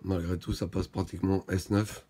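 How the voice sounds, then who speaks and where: A man with a low, level voice gives live technical commentary as an amateur radio operator. He reports signal and position matter-of-factly, with loud static and clicks around him. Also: flat delivery, moderate pace. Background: radio hiss and receiver clicks.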